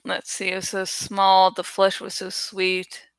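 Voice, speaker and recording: A woman who creates and hosts online content talks casually while making a graphic, thinking aloud, rambling, cursing and sometimes hunting for words. Her medium-pitched delivery is completely flat and a little slow, clear and resonant, with no echo.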